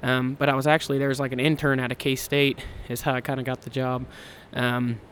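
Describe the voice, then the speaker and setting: A Kansas hunting ranch owner in his twenties chats casually on a podcast, rambling, self-deprecating and often restarting his sentences. He has a high-pitched, a bit bright voice with a level tone and talks a little fast, with slight background noise.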